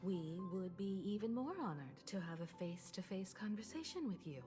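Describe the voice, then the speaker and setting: A woman's voice: medium pitch, music in the background, lightly acted. An actress voicing a composed, gracious woman who leads a starship crew in a video game. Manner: calm, gracious, measured. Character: composed mature woman, ship navigator and leader.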